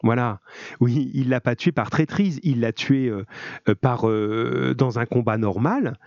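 A French-accented man teaching, chatty and full of little asides as he reads a text aloud and comments on it. The audio is slightly dull and muffled, and the sound is dry and close with no room around it. His pitch sits in a middle range. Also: measured pace, creaky, darkish tone, dry recording. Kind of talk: online class lesson, reading aloud and explaining.

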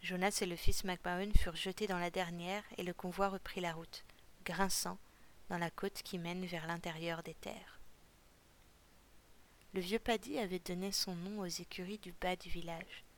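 A woman reading a novel aloud for a podcast in a calm, steady storytelling voice. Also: lowish voice, moderate pace. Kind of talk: audiobook reading.

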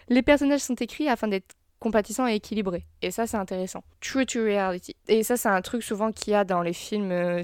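A woman's voice: medium pitch, darkish tone, clean tone, dry recording, studio quality. A woman hosting a casual film review podcast, chatty, mixing English phrases into her talk. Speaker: podcast host.

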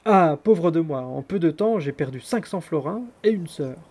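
A man's voice: fairly high pitch, fairly quick, darkish tone, natural voice. A man voicing a young merchant who has been cheated, pleading and lamenting at a locked door. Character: young male merchant, tricked and desperate.

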